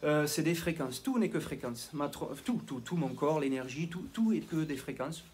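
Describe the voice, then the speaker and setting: Rambling southwestern French man, a bit high. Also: animated, normal speed, a little mellow, a little hiss or hum. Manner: rambling, self-mocking, digressive. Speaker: health coach. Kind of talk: casual talking-head monologue.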